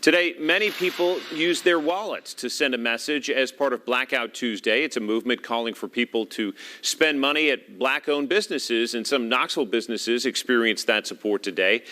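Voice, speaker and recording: A man reading scripted local news as an anchor, polished and clearly projected. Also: medium pitch, moderate pace, few pauses, bright, forceful tone.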